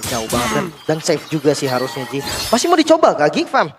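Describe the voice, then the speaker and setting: A man's voice: a little high, wildly swooping pitch, fast. A man giving live esports commentary as the analyst, often posing rhetorical questions about the match. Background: game music.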